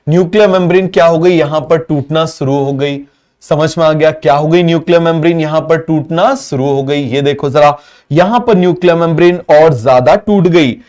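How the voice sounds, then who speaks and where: A man teaching a biology exam-prep lesson with a Hindi accent, talking fast and constantly quizzing students with repeated questions. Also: on the high side, darkish tone.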